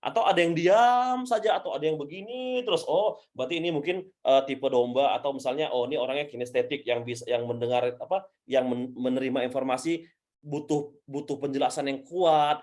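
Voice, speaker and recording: A man coaching public speaking, answering audience questions in an energetic, emphatic way, often restarting sentences and building points step by step. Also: medium pitch, a little fast. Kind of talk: Q&A teaching session.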